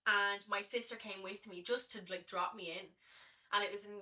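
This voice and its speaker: A young Irish woman in her early twenties talks in a bright, clear voice, chatty and animated as she tells her story. She leans on plenty of fillers. The mic sits a little way off, so she sounds slightly distant. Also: medium pitch, normal speed. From Ireland. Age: early 20s. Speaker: guest, Latin dancer. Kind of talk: casual podcast chat.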